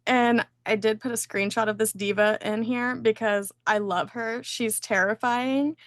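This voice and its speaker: A woman's voice: fairly high pitch, steady tone, a little slow, dry recording, studio quality. A woman hosting a podcast, recapping an episode in a playful, gushing way. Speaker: podcast host.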